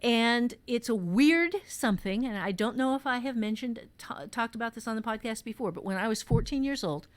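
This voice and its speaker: Animated and brisk, this slightly high woman's voice moves with few pauses. She's a podcast host teaching a workshop, speaking informally and openly, telling personal stories with emphasis and swearing freely.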